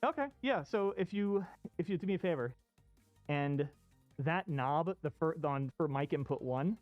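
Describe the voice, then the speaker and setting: A livestream host chats casually and rambles in a mid-range voice with lively intonation at normal speed, sounding muffled and dull as if speaking from inside a fursuit costume head indoors. The streaming microphone sits outside the costume, there's no room sound, and faint music plays behind.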